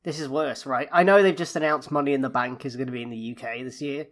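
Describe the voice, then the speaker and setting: A man's voice: medium pitch, fairly even intonation, fast, a crowd in the background. Rambling, blunt man on a podcast. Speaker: podcast co-host. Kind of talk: casual podcast chat.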